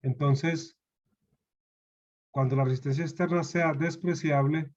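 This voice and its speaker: Husky Colombian lecturer on a call. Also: male voice, a little high, fairly even intonation, unhurried, a little mellow, lo-fi sound. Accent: Colombian Spanish. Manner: explains patiently, repeats key points, asks students questions. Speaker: university lecturer. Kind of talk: online class lecture.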